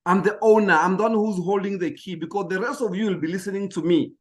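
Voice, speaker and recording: A man's voice: sits high, quick pace. A man who trains people in public speaking, giving an emphatic motivational talk that repeats key phrases and often stumbles over small words.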